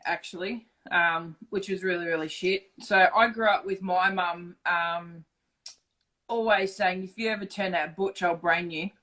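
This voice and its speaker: A middle-aged Australian woman telling her story in a casual interview, frank and swearing freely, lively when she acts out dialogue. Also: fairly low pitch, low-quality recording. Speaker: interview guest.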